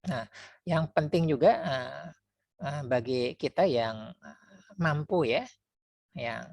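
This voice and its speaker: A man's voice: medium pitch, slow pace, vocal fry, a little mellow, dry recording. Man, NLP trainer, lecture, hesitant, many fillers, restarts, dry close recording. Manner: explanatory, acts out parents' voices. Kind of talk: spoken lecture.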